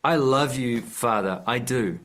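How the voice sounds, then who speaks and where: In a reflective radio interview, this man, who writes books and makes music, talks earnestly at a measured pace in a mid-range, slightly bright voice. He searches for his words, frequently breaking off to restart or correct his sentences.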